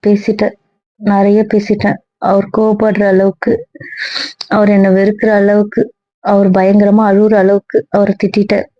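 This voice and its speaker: A woman's voice: mid-range voice, completely flat delivery, normal speed, no echo, highs cut off, lightly acted. A woman voicing a remorseful young woman who pleads and defends herself in an amateur audio drama. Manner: pleading, guilt-ridden.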